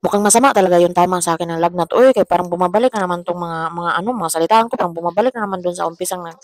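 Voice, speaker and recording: Hoarse young Filipino woman vlogger, quick and chatty, dry close sound. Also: fairly low pitch, no echo. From Philippines. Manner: chatty, laughs often, says "char" as a tag. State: hoarse after a fever. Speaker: vlogger, domestic worker abroad. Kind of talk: casual voice-over chat.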